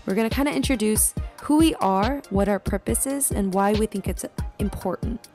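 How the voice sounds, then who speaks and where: A woman's voice: medium pitch, normal speed, music in the background. A young woman from the Pacific Northwest co-hosting a podcast in a casual, friendly chat, laughing easily. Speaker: podcast co-host.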